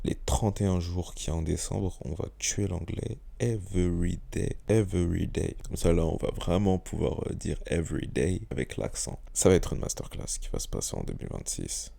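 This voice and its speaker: A man's voice: low voice, gravelly, warm tone. A young man giving a casual, unscripted monologue in a slangy, rambling way, often repeating himself. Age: young adult. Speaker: vlogger.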